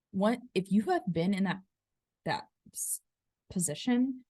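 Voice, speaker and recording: A woman's voice: on the low side, a little mellow, no echo, studio quality. A young woman fitness instructor hosting a casual solo show, talking in a chatty, rambling way with many fillers and restarts. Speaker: podcast host and fitness instructor.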